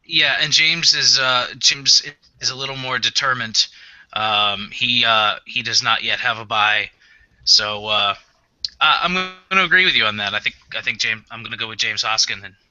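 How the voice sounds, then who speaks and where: A man's voice: medium pitch, moderate pace, bright, forceful tone, no echo. A man hosting a podcast in casual chat, hesitant with many fillers as he works through a list of names. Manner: hesitant, lots of "uh" fillers, reads through lists. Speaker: podcast host. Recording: dull, dry, muffled audio.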